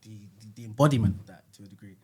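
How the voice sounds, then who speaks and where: In a podcast studio, a music artist appears as a guest in a casual conversation, speaking earnestly and reflectively and often repeating words as he thinks. His voice is lowish and warm, and he talks very fast.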